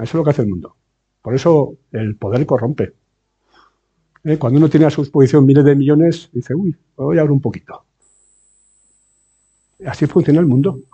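A man preaching a sermon, often asking rhetorical questions and slowing down to stress key words. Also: fairly high pitch, warm tone, husky. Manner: rhetorical questions and tag checks like eh and no. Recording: dull lo-fi sound.

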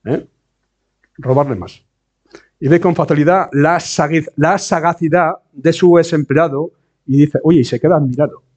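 Male preacher, mellow slightly high husky voice, rhetorical sermon delivery, lo-fi sound. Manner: rhetorical questions and tag checks like eh and no; slows and stresses key words. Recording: dull lo-fi sound.

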